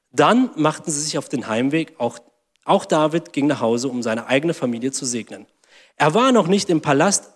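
A man's voice: fairly high pitch, in a large hall. A man preaching a sermon, reading scripture aloud and acting out mocking inner voices.

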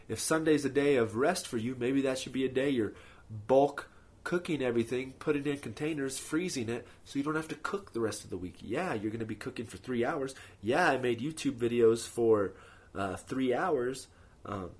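Husky-voiced man giving casual productivity advice. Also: medium pitch. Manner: practical motivational coaching, checks in with rhetorical tags. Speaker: host of a productivity podcast. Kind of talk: casual advice monologue, speaking off the cuff.

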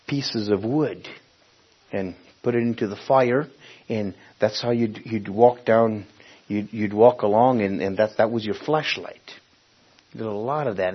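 Speaking in a lowish, husky voice, a Honduran preacher weaves personal anecdotes into his sermon. He sounds conversational but hesitant, often hunting for words. The audio is lo-fi, muffled and dull.

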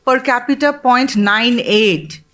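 Speaking on a discussion panel, a woman from Bangladesh comes across earnest and measured, often pausing and restarting. Her voice is fairly bright and on the high side.

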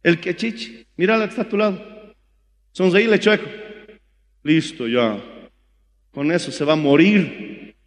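A man with a Bolivian accent preaching a sermon as pastor, fervent and rising to shouts. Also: fairly high pitch, unhurried, long pauses, in a large hall. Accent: Bolivian Spanish.

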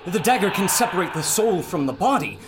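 An earnest scholar hero. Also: male voice, sits high, very animated, fairly quick, background noise. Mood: worried. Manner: earnest, reasoning. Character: learned male scholar, thoughtful, calm under pressure. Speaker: scholar doctor. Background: music.

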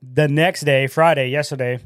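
A man co-hosting a casual podcast, rambling through work stories in an animated way and swearing a lot. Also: medium pitch, moderate pace, no echo, clean studio sound. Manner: rambling, profane, animated storytelling. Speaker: podcast co-host and store manager.

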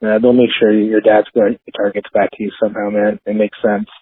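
Canadian guy leaving a halting heartfelt voicemail, low husky voice, thin phone-line sound. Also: flat delivery, no room sound. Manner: earnest, halting, searching for words. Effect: voicemail over a landline phone. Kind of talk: casual spoken message.

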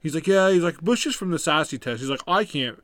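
A man's voice: fairly high pitch, lively intonation, fast talker, a bit bright, dry recording. A young man casually telling a rambling story, laughing often and acting out what people said. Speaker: podcast co-host telling a story. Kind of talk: casual chat.

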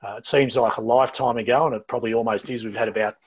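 A middle-aged Australian man speaking as an interview guest over a low-quality video call, talking in a halting way and often repeating words before going on. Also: fairly even intonation, slightly rough. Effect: low-quality video call audio. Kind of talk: casual interview talk.

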